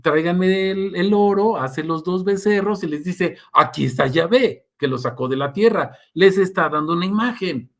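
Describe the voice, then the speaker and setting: A man's voice: sits high, moderate pace, hardly any pauses. Man; casual preacher taking questions, acts out quotes. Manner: conversational, asks listeners often, acts out quotes. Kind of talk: sermon with live Q&A.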